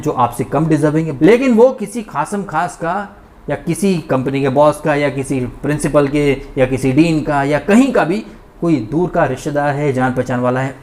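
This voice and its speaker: A man's voice: on the high side, a little mellow. A man giving an indignant, ranting commentary monologue as a vlogger reviewing a show. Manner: indignant, ranting, mocking impressions.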